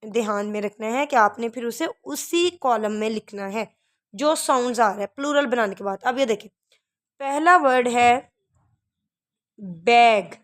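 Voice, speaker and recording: A woman teacher giving a recorded English lesson, patiently drilling word endings by repeating each word slowly. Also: on the high side. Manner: patient, calls the learner "beta", drills words by repeating them slowly.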